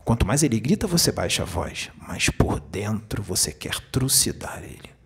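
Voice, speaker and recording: A man with a Brazilian accent delivers a spiritual sermon in a fairly low voice. He talks slowly and deliberately, leaning on rhetorical questions to his listeners. His teaching has a measured, patient flow. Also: very animated, creaky. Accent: Brazilian Portuguese. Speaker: spiritist medium giving a teaching.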